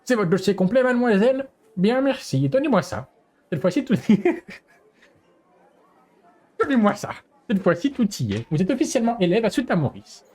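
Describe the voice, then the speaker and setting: A man's voice: high voice, sing-song, moderate pace, darkish tone, voice pushed up. A man voicing a fussy, stern woman school principal in a prim, formal way, in a game playthrough.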